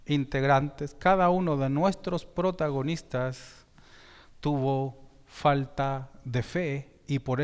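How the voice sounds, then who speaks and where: A man delivers a sermon at a very slow, deliberate pace, his fairly high voice swelling suddenly for emphasis. He often repeats himself and corrects his own words mid-sentence. The sound carries a long reverb from a church hall. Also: smooth. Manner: slow, emphatic preaching with sudden rises in volume. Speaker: pastor. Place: church sanctuary.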